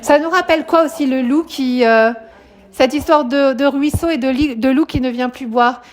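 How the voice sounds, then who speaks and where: Woman, French teacher, live classroom lesson, voice slightly high, explains and questions the students. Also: moderate pace. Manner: explanatory, questions students, frequent "hein" tags.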